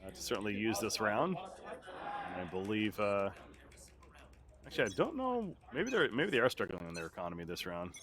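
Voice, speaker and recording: A man's voice: lowish voice, brisk, long pauses, a crowd in the background. A man working as an esports caster, giving live play-by-play commentary on a game. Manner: excitable during action, relaxed between rounds.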